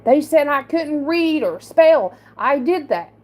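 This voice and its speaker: A woman livestreaming an emotional monologue. She speaks defensively and haltingly, with a slight speech impediment, repeating and restarting words. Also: sits high, lively intonation, darkish tone.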